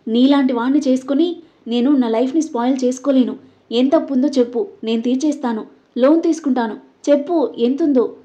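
A woman's voice: high-pitched, brisk, dark tone, natural voice. Woman playing a defiant young woman. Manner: indignant, raised voice. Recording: dull lo-fi recording.

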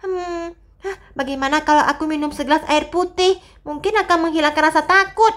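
A woman's voice: sits high, brisk, fairly bright tone. A woman voicing a timid little girl who frightens easily, whimpering and breathing in panicked gasps in a voice-acted game role-play. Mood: frightened.

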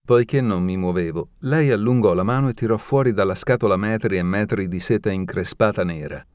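A man narrating an audiobook in a steady, measured reading voice, close to the mic. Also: lowish voice, clean tone, no echo.

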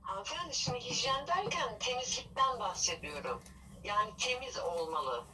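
A woman's voice: fairly high pitch, sing-song, moderate pace, pushed and bright, recorded from a distance, slight background noise, poor audio. Woman playing a formal office employer over a landline phone. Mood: polite. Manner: formal and patient, hesitant fillers.

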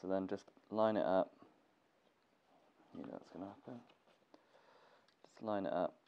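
A low-pitched, unhurried young man with a cold, sounding congested, casually teaches sewing in his workshop as a gear maker. His manner is relaxed, and he thinks aloud with fillers. The clip has dull lo-fi camera audio and faint noise.

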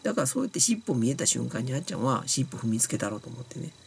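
Tipsy Kansai man, blunt and scolding, lively pitch, rambling vlog talk. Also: rapid-fire, gravelly, a little hiss or hum. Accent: Kansai Japanese. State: tipsy and sleepy from drinking. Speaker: YouTuber talking to viewers. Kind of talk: casual monologue to camera.

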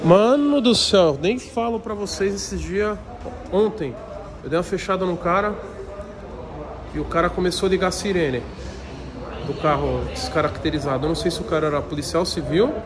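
A man's voice: on the high side, a little fast. A man hosting a casual vlog, slangy and joking, calling people "pai". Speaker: vlogger host. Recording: busy crowd noise around.

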